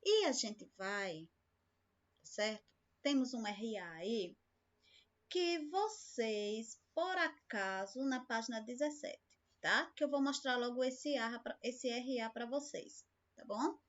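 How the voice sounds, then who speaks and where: A woman's voice: on the high side, expressive, slow pace, fairly bright tone, highs cut off. A woman teacher giving a recorded remote lesson, patient and speaking to the class with many questions. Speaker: school teacher.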